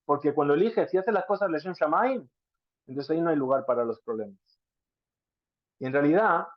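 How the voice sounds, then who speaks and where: A man's voice: a little high, no echo. Man teaching a Talmud class. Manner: rhetorical questions, explains Hebrew terms. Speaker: Torah teacher. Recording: dry, dull lo-fi sound.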